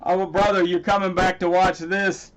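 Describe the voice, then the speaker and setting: A man hosting a casual coin-hunting livestream. He talks straight to his chat viewers by name and gets loudly excited over his finds. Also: high-pitched, moderate pace.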